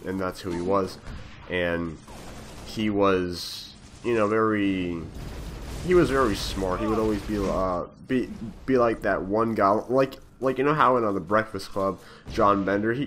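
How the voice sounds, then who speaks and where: A man's voice: on the low side, a bit bright, a little hiss or hum. A young man telling a story from his school days over game footage, rambling with many fillers and restarts. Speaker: gaming channel host. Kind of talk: casual storytelling over gameplay.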